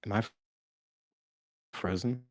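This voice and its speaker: A man's voice: lowish voice, steady tone, no room sound, clean studio sound. Man on a choppy call, voice dropping out. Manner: halting, fragmented phrases broken by dropouts. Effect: audio cutting in and out over a bad connection. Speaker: podcast co-host. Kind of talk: casual political chat. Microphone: video call.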